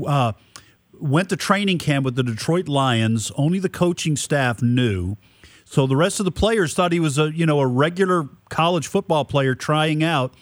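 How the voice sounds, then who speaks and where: Male talk show host from New Hampshire, higher-than-average pitch, halting conversational interviewer, close dry studio sound. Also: no echo. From New Hampshire, United States. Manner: halting, repeats words while forming questions.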